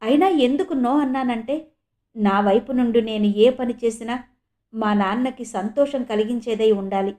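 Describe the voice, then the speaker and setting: A woman's voice: on the high side, normal speed, mellow, close to an everyday voice. A woman voicing a proud man who has regained his ability to walk, speaking in an earnest, reflective way.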